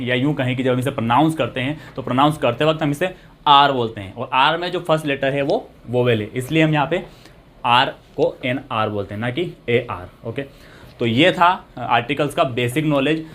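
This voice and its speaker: A man's voice: medium pitch, normal speed, a bit bright. Man explaining a grammar lesson patiently. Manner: patient, asks and answers his own questions. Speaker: English teacher.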